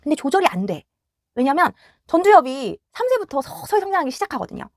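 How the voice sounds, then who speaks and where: A woman's voice: high voice, sing-song, quick pace, no echo, clean studio sound. A woman giving parents a direct, instructive talk on child rearing, acting out home scenes as she goes. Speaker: parenting educator.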